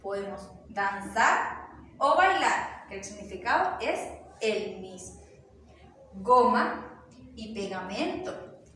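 Slow, lively woman teacher in an echoey room. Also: mid-range voice. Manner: slow, patient, spells words out one by one. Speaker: first-grade teacher. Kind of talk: recorded language lesson for young children. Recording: very echoey room, voice from far off, faint hiss.

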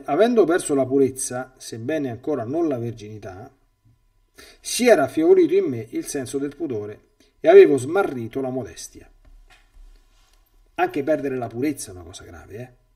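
A priest gives a catechesis sermon, his voice mellow and warm. He moves between reading a text aloud and speaking freely, pressing his points with emphasis and sometimes stumbling over repeated words. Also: fairly high pitch, distant mic. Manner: emphatic, with stammered repetitions when speaking freely.

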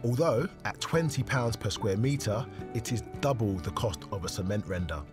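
A man's voice: on the low side, lively intonation, moderate pace, music in the background. A man with a British accent co-hosting a home renovation show, giving advice and presenting tips. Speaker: property show co-host.

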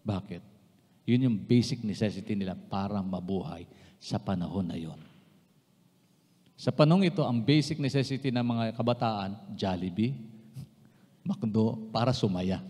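A man's voice: fairly low pitch, a little slow, pauses often, warm tone, slightly rough. A man from the Philippines, a pastor preaching a sermon to his congregation. He switches between Tagalog and English, repeats key phrases for emphasis and addresses his listeners politely. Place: church sanctuary. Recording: long reverb of a church hall.

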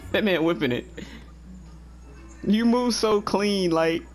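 A woman hosting a gaming video, giving excitable commentary over gameplay in voice chat and breaking into laughter and shouts. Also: mid-range voice, takes it slowly, soft background music.

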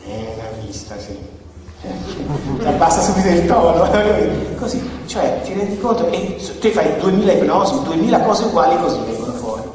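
Lively man lecturing in a hall. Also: high-pitched, brisk, few pauses. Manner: animated, blunt, acts out dialogues. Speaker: conference speaker. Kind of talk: colloquial conference lecture. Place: conference hall. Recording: echoey hall, distant mic, faint noise.

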